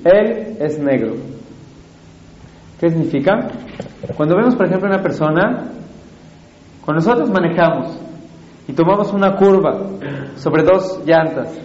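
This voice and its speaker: A man with a rather high voice gives a classroom lecture. He walks through each point step by step and keeps asking whether everyone follows. The recording is roomy and slightly dull. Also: darkish tone, a little hiss or hum. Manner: explains step by step and checks in with frequent questions to listeners. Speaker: teacher.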